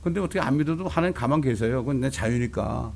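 A man's voice: medium pitch, expressive, quick pace, creaky, darkish tone. A male pastor preaching a fiery, blunt sermon, with coarse insults thrown in.

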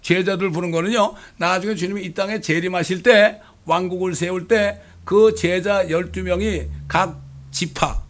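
Emphatic high-voiced male preacher. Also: fairly even intonation, moderate pace. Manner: rhetorical questions to the congregation, emphatic. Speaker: pastor. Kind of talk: sermon.

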